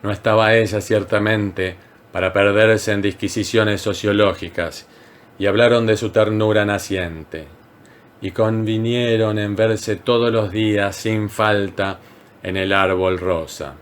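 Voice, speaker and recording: A man with a low, steady voice reads a literary short story aloud. His delivery is measured and calm, broken into short phrases by deliberate pauses. It sounds like a carefully paced audiobook narration. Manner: measured, unhurried reading with frequent pauses.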